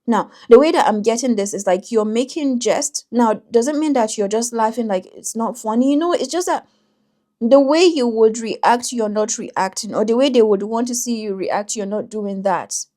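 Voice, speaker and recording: A woman doing a tarot reading for viewers, talking in a thoughtful, intuitive way with frequent pauses and restarts. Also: a little high, dark tone. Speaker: tarot reader.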